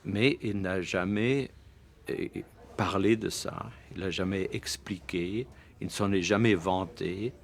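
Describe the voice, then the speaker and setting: A man recalling someone he knew in a documentary interview, hesitant and full of pauses. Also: low-pitched, a little hiss or hum. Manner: hesitant, many fillers.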